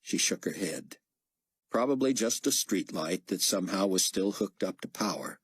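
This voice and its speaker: A man reading an audiobook in scripted narration, with a steady storytelling cadence. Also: low voice, moderate pace, breathy edge, no room sound, studio quality.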